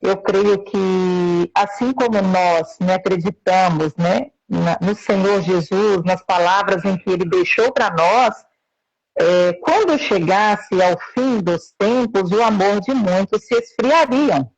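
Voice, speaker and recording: A woman speaking as a guest in a live interview, heard through a choppy, breaking-up call line, talking in a slow, measured way. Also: medium pitch, gravelly. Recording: dull lo-fi call audio.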